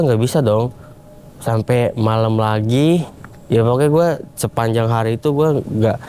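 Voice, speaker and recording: A man's voice: mid-range voice, slight background noise. A young man, telling a tale on a casual talk show and acting out the voices of the people in it. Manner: animated retelling in casual Jakarta slang, acts out quoted voices. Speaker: guest storyteller. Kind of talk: casual storytelling.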